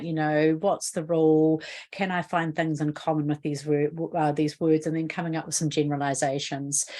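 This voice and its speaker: A woman with a New Zealand accent explaining a spelling rule in an instructional video lesson, patient and explanatory, often asking the viewer questions. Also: fairly low pitch. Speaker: literacy educator.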